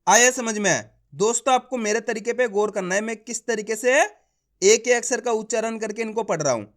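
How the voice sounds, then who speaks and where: A man teaching an online reading lesson, spelling words out slowly syllable by syllable and often checking that the learner follows. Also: sits high, a bit bright.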